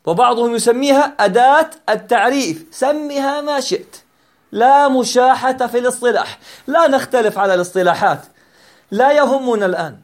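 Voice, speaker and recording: A man with a strikingly high-pitched voice gives a grammar lesson. He explains patiently, repeating each point and posing questions that he then answers himself. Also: a little fast. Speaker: Arabic grammar teacher.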